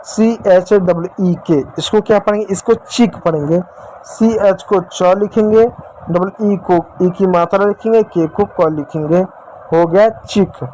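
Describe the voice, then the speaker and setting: A man's voice: high voice, a little slow, dark tone, slight background noise, poor audio. A man teaching English spelling and phonics in Hindi, asking questions and answering them himself, repeating each step and calling his viewers dear children.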